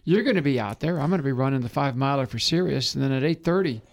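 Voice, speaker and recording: A man hosting a casual radio talk show from a studio, upbeat and enthusiastic, quick with details. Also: medium pitch, animated, no echo. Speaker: radio host, accountant.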